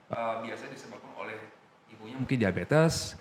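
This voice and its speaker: A man's voice: mid-range voice, a little fast. Guy telling his story on a podcast, chatty, mixes in english words, a bit of background hum. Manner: mixes English phrases into casual talk, animated when recounting. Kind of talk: casual conversational storytelling.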